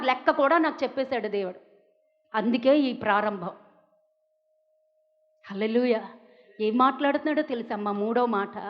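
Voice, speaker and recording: A woman pastor from India preaching a sermon with emotional emphasis and dramatic pauses. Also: a little high, big-room sound, lo-fi sound.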